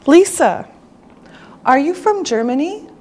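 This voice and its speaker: A woman's voice: high-pitched, big pitch swings, takes it slowly, darkish tone. A woman teaching a beginner language lesson, speaking with careful enunciation and repetitive drilling. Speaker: English teacher.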